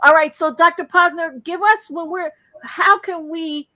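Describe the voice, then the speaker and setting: A woman hosting a live talk show, expressive and emotional as she talks about faith. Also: very high-pitched, a little slow.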